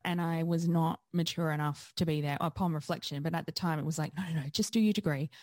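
A woman's voice: low-pitched, steady tone, fast, a little mellow, no room sound. A woman, talking candidly and chattily about herself. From South Australia. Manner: candid, chatty and self-deprecating. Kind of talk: casual conversation.

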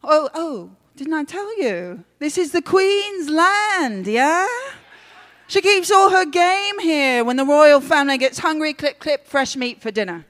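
A woman voicing a cheeky young man who teases and reassures in a quick, chummy way. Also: high-pitched, animated, fairly bright tone, big-room sound, voice pushed up. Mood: playful.

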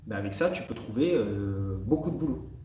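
A man's voice: on the low side, lively intonation, a little fast, mellow, far from the mic, a little hiss or hum. A man from France with a French accent, answering viewers' questions in a casual, direct live stream. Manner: direct, informal, many fillers. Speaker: real estate investor answering live questions. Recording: roomy sound from off the mic.

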